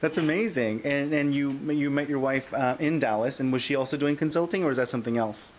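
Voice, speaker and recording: A man's voice: mid-range voice, fast. Upbeat male podcast host. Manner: enthusiastic, chatty with fillers. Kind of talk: casual interview chat.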